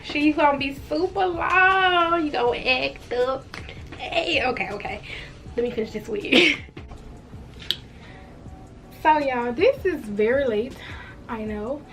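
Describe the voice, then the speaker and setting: Chatty young woman w/ a cold, high voice, stuffy nose, faint music behind. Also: animated, slow pace, long pauses, a bit bright. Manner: chatty, talks straight to viewers. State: congested from a cold. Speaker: hair vlogger. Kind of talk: casual hair review vlog. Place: at home, washing machine running nearby.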